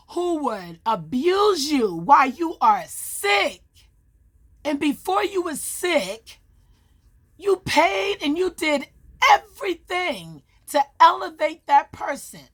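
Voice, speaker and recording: A woman talking straight to her viewers in an earnest, emphatic way, with long pauses between short phrases as she shares hard-won advice. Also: high-pitched. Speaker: vlogger sharing her experience. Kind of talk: personal advice monologue.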